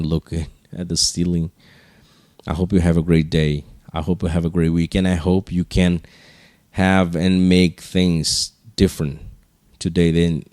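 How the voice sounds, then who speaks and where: A man hosting a podcast solo, speaking slowly in a low, hushed register with casual, rambling, earnest encouragement. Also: no echo, clean studio sound. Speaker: podcast host.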